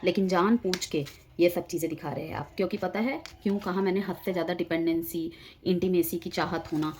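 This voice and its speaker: Female tarot reader, lowish pitch, chatty explainer who speaks directly to viewers. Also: steady tone, brisk, darkish tone, slight background noise. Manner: explanatory, addresses viewers directly, drifts between Hindi and English. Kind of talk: collective tarot reading.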